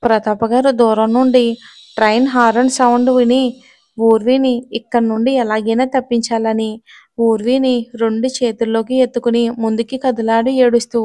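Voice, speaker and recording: Female narrator for a serialized audio story; measured and steady, fairly high, little pitch movement. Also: dry recording.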